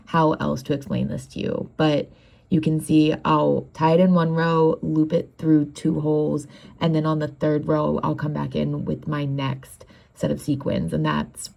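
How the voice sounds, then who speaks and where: A young woman records a casual, candid vlog voice-over in a deep, level, unhurried voice that is creaky and a little mellow. She chats freely, pokes fun at herself, and has a runny nose.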